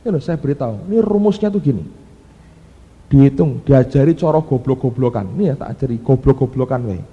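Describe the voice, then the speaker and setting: A male pastor delivers a sermon in an animated way, breaking into sudden exclaimed cries. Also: mid-range voice, a little fast, in a large hall, narrow, tinny audio.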